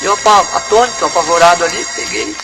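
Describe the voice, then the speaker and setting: A pastor with a Brazilian Portuguese accent tells a dramatic personal testimony in an emphatic storytelling manner. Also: male voice, high voice, quick pace, low-quality recording. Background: music.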